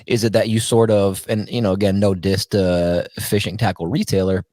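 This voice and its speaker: A hoarse man co-hosts a casual podcast interview, his voice sitting on the low side. He asks rambling, hedging questions, and the sound is dry and close with no room around it. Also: level tone, moderate pace, warm tone, no room sound. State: hoarse from illness. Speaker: podcast co-host.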